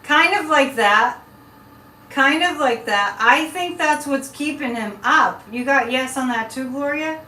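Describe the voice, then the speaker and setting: A woman's voice: sits high, a little slow, sharp tone. A woman hosting a casual live psychic chat, rambling and breaking off mid-thought as she talks to viewers. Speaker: live show host and psychic. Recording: echoey room, distant mic, faint noise.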